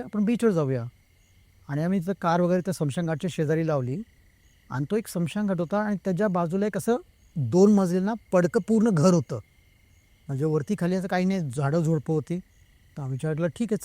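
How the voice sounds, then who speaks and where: Man telling a spooky story, mellow voice. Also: high voice, no echo. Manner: retells the talk of others himself, slipping between Marathi and Hindi. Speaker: guest telling a true ghost story. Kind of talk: casual storytelling.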